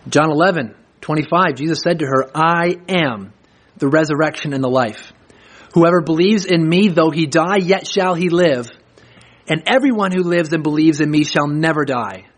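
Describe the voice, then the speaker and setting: A man preaching a sermon, reading scripture aloud slowly and then explaining it in plain, conversational talk. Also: fairly high pitch. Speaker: pastor.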